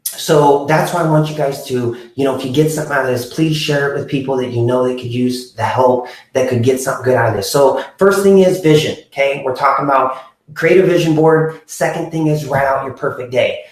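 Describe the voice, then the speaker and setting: A man's voice: medium pitch, a little fast. Echoey earnest man in his forties. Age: 40s. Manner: earnest, repetitive, with many fillers and restarts. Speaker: podcast host. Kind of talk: motivational talk to viewers. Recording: very echoey room.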